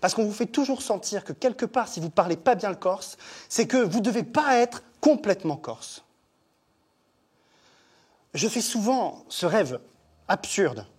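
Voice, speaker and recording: In a self-mocking, chatty stand-up piece from his solo show, the Corsican-accented man uses a high, lively, slightly mellow voice with a breathy edge, pausing often as he lists things.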